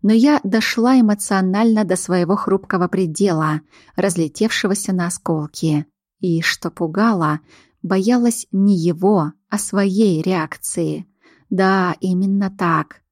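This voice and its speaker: A woman reading a first-person novel aloud as narrator, with an expressive, emotional delivery. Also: medium pitch, unhurried, no room sound, studio quality. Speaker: audiobook narrator.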